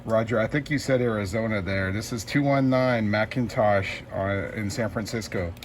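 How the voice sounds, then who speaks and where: Guy on a cb radio calling out his handle, slow and drawn out, lowish voice, loud static all over it. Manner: slow, drawn-out calls repeating call signs. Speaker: CB radio operator. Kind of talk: CB radio calling with call-sign lingo.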